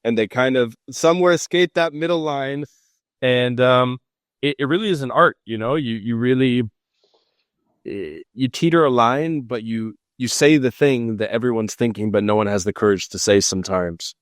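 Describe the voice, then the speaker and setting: As a podcast guest in a casual interview, an LA psychic and mentor keeps things relaxed and jokey, talking loosely in a mid-range voice at a moderate pace. He's from Los Angeles, United States. The recording is studio quality, without room sound.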